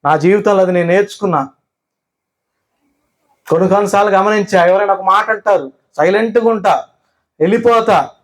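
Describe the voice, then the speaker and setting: A male pastor delivering a sermon, loud and emphatic, firing rhetorical questions at the congregation. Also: high voice, brisk, pauses often. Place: church.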